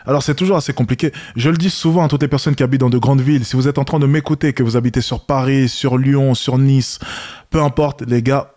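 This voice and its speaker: A man with an average-pitched voice comments on a clip he is watching. He speaks straight to his viewers in a coaching tone. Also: a little mellow. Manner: coaching tone, addressing viewers directly. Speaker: host reacting to a video. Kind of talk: reaction commentary.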